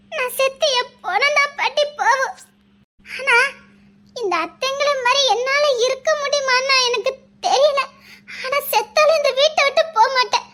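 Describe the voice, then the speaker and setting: A woman's voice: very high voice, pushed and bright. Woman playing a sincere young granddaughter-in-law. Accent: Tirunelveli Tamil. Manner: sincere, unsure.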